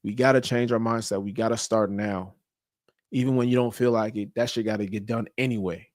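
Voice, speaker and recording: A man's voice: on the low side, fairly even intonation, fairly quick, a little mellow, dry recording, studio quality. A man hosting a podcast, giving a blunt motivational talk about fitness and habits, with casual profanity and slang. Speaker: podcast host. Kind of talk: motivational monologue.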